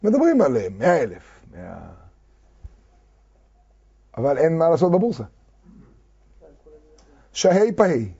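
A man teaching a Talmud lesson to a class, reading quoted texts slowly and then explaining them with fervor. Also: a little high, huge pitch swings, dark tone, breathy edge. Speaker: Torah teacher. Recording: dull lo-fi recording.

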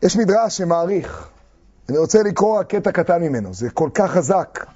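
A man teaching a Talmud lesson to a class, reading quoted texts slowly and then explaining them with fervor. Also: sits high, sing-song, a little mellow, husky. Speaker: Torah teacher. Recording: dull lo-fi recording.

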